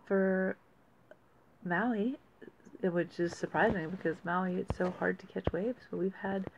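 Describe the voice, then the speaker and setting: A woman giving casual, unscripted commentary as host of an amateur weather report, speaking haltingly and thinking aloud with pauses. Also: mid-range voice. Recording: dull lo-fi audio with faint noise.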